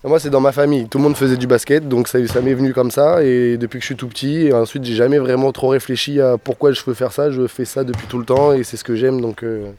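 A young man, a basketball player, answering interview questions in a quick, chatty way. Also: mid-range voice, fairly even intonation, dark tone.

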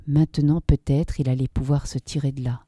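A woman narrating a dark story in a measured, dramatic reading. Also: a bass voice, little pitch movement, breathy edge, no echo, clean studio sound.

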